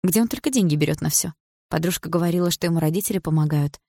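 A low-voiced woman narrating a novel in an even, measured reading. Her voice is close and dry, with no room sound around it. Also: gravelly, no room sound. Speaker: audiobook narrator. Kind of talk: scripted narration.

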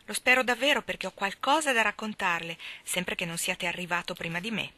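Woman putting on a snide young gossip girl, bright mocking sing-song voice. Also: medium pitch, fairly quick, natural voice. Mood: taunting.

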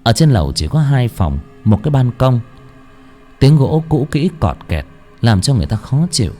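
A man's voice: medium pitch, sing-song, normal speed, warm tone. A man narrating a ghost story expressively and voicing each figure. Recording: faint background music.

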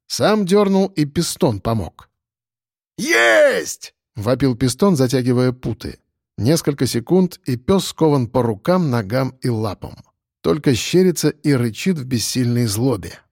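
Wry, lively male audiobook narrator. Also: medium pitch, no room sound, studio quality. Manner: wry, slangy storytelling. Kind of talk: first-person audiobook narration.

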